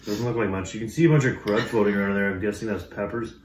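A man's voice: on the low side, steady tone, fast talker, a little hiss or hum. Joking man in an echoey room. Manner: joking, dry asides. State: coughing and sweaty. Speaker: co-host tasting spicy snacks. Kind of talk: casual chat.

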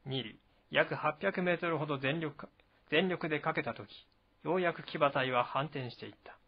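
A man reading a historical novel aloud at first sight, at a steady, even pace, with the odd slip and restart. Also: a little high, normal speed, slightly rough, dull audio.

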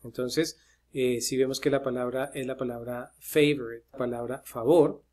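A man's voice: mid-range voice, fairly even intonation, normal speed, darkish tone. A man giving a casual screen-share pronunciation lesson, chatty, with many "eh" fillers as he talks to his viewers. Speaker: English pronunciation teacher.

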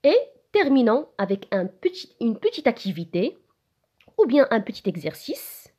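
A woman with a Moroccan French accent teaching a recorded lesson to young children, slow and sing-song, spelling letters one by one. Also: a little high, very animated, darkish tone, breathy edge. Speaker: preschool teacher.

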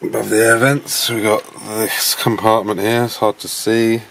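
A British man in his thirties talks in a fairly low voice. He is casual and slangy, hosting a car vlog in a relaxed way. The camera audio carries plenty of background noise. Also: moderate pace, creaky, poor audio. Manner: laid-back, slangy, mild swearing. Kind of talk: casual chat to camera and friend. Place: stone garage with metal roof, and inside a car.

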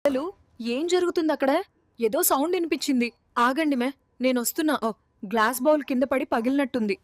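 A woman's voice: high voice, quick pace, slight background noise, natural voice. A woman voicing a caring cartoon mother who scolds and comforts her children. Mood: stern. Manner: scolding then soothing, motherly. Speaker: mother of the household. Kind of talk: cartoon voice acting.

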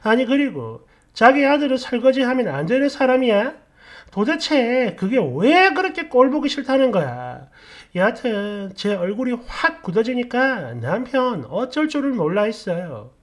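Woman storyteller, casual narration, blunt and sarcastic, pitch swinging up and down a lot. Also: big pitch swings, normal speed.

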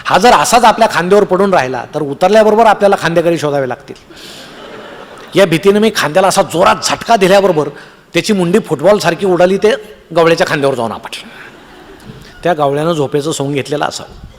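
A man's voice: a little high, quick pace. Marathi storyteller man in a reverberant hall. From Maharashtra, India. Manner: animated, acts out voices of the characters in the tale. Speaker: humorous storyteller. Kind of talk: comic storytelling on stage.

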